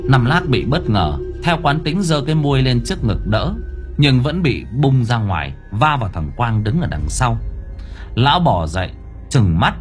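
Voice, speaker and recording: A male narrator tells a ghost story with an animated, lively voice that rises and falls through the action. Faint music sits under the reading. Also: medium pitch, moderate pace. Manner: vivid, expressive storytelling. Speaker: audiobook narrator.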